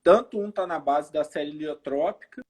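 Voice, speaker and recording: A man from Brazil, a guest researcher explaining technical points calmly in a live online interview, his audio glitching and cutting out over the internet call. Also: fairly high pitch, normal speed, husky. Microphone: remote call over the internet.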